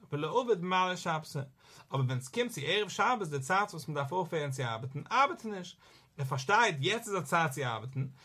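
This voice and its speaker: A man's voice: high voice, pushed and bright, slightly rough. A man giving a Torah lesson in a sing-song study cadence, quoting verses as he goes. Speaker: religious teacher.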